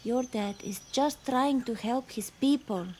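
A woman's voice: fairly high pitch, measured pace, darkish tone, a little hiss or hum, lightly acted. A woman voicing an earnest, persuasive animal friend in a children's jungle audio story.

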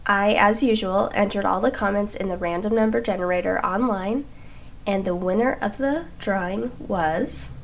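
A woman hosting a podcast, chatting casually and warmly thanking listeners, her voice nasal because she has been sick. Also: medium pitch, gravelly, a little hiss or hum. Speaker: podcast host. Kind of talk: casual chat.

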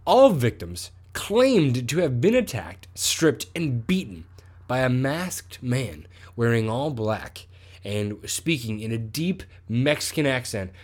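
A man's voice: mid-range voice, sing-song, slow, a little mellow. A man co-hosting a podcast in casual comedic chat, rambling and profane, often correcting himself. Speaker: podcast co-host.

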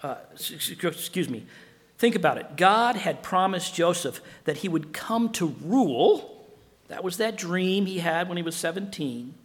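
A man preaching a sermon as pastor in an animated way, acting out dialogue. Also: high-pitched, a little slow, long reverb tail.

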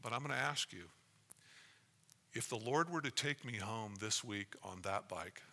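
Male preacher, very sharp forceful voice, conversational yet emphatic sermon delivery, big echoing hall. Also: on the low side, moderate pace. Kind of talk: sermon to a congregation, with personal anecdotes. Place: large reverberant room, preaching to an audience. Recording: reverberant hall sound.

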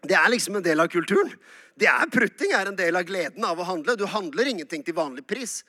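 A man from the Oslo area with an Eastern Norwegian accent, preaching a sermon with humor and lively storytelling. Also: high voice. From Norway, Oslo area. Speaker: pastor.

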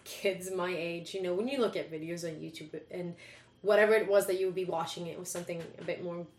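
Woman, young adult, candid chatty podcast guest, swears casually, lowish voice, echoey room. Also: fairly even intonation, fast talker. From Sweden. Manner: candid, chatty, swears freely, laughs while talking. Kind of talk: casual conversation.

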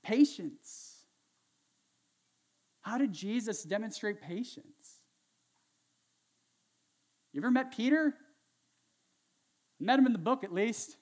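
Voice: medium pitch, animated, slow, long pauses, darkish tone. A pastor giving a casual, conversational sermon, asking the congregation questions and adding sarcastic, self-mocking asides.

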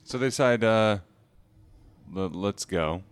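A man's voice: on the low side, slow pace, clean tone, no echo. A man in casual podcast chat, retelling a film's plot loosely with lots of fillers. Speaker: podcast co-host.

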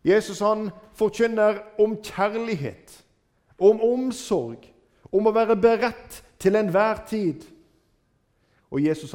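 In his sermon, a man recounts stories theatrically, letting his voice climb and drop sharply in both loudness and pitch.

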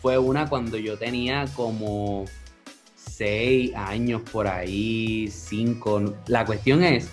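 A man's voice: fairly low pitch, slow pace, soft background music. A man telling a childhood story in casual chat, slipping English words in. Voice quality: animated, mixes English words.

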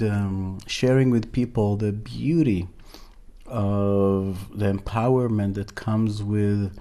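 A middle-aged workshop facilitator from Israel speaks earnestly in an interview conversation, searching for words with many fillers and restarts. His voice is on the low side with a dark tone.

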